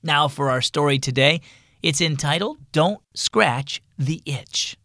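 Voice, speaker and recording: A man hosting a children's devotional program, reading scripted stories in an animated storyteller manner. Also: fairly high pitch, a little slow, dry recording, clean studio sound. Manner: animated storyteller voicing characters. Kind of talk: scripted storybook narration for kids.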